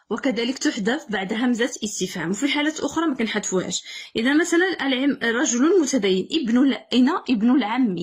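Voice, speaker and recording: Brief: young Moroccan woman teacher, fast husky delivery, quizzes herself aloud on grammar rules. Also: a little high. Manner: repeats key words, asks and answers own questions. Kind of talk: exam correction lesson.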